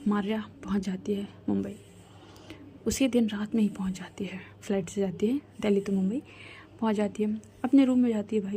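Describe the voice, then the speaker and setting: A woman storyteller, speaking softly and often close to a whisper. Her voice is warm and mellow, and she drifts into friendly asides to the listener. A faint hum of noise sits underneath. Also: mid-range voice. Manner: soft, half-whispered, chatty asides. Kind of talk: casual spoken storytelling.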